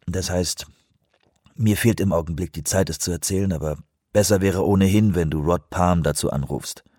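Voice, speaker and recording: A man voicing a calm, busy male director. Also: low-pitched, normal speed, dry recording, clean studio sound.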